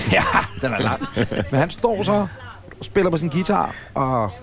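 A man's voice: fairly high pitch, gravelly. Rambling man telling a long anecdote. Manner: rambling, animated anecdote-teller. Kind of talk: casual storytelling chat. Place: café.

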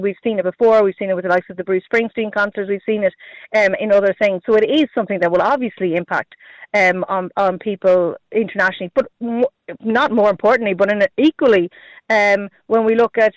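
A man with a noticeably high voice and a west of Ireland accent speaks in a dry, close radio setting. He answers like a politician, hesitating, restarting and leaning on filler phrases as he makes his case. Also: no room sound, poor audio. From Galway, Ireland. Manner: hesitant, repetitive, heavy use of "you know" and "like". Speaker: politician, party representative.

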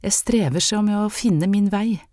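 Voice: mid-range voice, darkish tone, no room sound, clean studio sound, pitched above the performer's own voice, close to an everyday voice. A narrator voicing Anne, an anxious young maid with a secret healing gift, speaking earnestly and hesitantly in an audiobook. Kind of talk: audiobook character reading.

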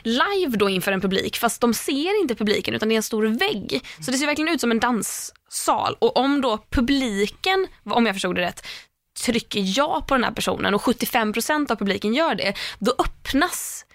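A woman co-hosting a podcast, chatting casually and telling an animated story, swearing freely. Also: a little high, no echo, clean studio sound. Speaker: podcast co-host. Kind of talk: casual chat.

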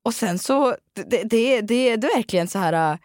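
A woman's voice: a little high, no room sound, studio quality. Chatty Swedish woman telling a story. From Dalarna, Sweden. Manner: animated storytelling with many restarts and fillers. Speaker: podcast host. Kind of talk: casual chat.

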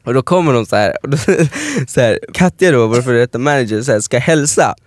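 A man's voice: mid-range voice, no echo, clean studio sound. A young man, co-hosting a casual podcast and telling a story with lots of laughter and acted-out quotes. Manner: animated storyteller, laughs often, acts out quotes. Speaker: podcast co-host.

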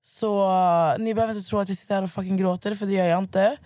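A hoarse woman hosting a podcast, ranting in casual chat and swearing a lot. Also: mid-range voice, fairly even intonation, mellow, no echo, clean studio sound. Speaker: podcast host.

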